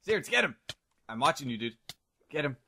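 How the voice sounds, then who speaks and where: A man playing a video game with friends, calling out excitedly, his voice cracking high when he panics. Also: normal speed, gravelly, slightly rough. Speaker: gamer. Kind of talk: excited gaming commentary.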